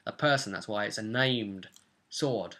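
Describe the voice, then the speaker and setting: In a small furnished room at home, a man in his twenties casually recaps a tabletop role-play session he ran as game master, telling it with dramatic flair. His voice is lowish and sharp in tone, and he keeps a measured pace.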